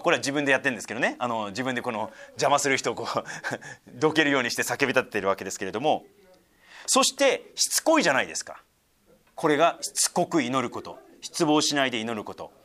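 A man's voice: medium pitch, bright, forceful tone. Guy preaching a sermon, chatty, lots of little asides, voice moves up and down a lot. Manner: conversational, explains scripture with asides and fillers. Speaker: pastor.

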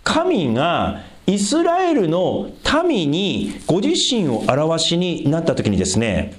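Animated male preacher in an echoey room. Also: on the high side, slow. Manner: lively, conversational, speaks directly to the congregation. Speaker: pastor. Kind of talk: sermon.

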